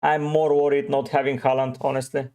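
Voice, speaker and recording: A man's voice: mid-range voice, level tone, a little fast, darkish tone. A man from Bulgaria, hosting a casual livestream and giving short, offhand answers to viewers' chat messages. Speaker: fantasy football streamer.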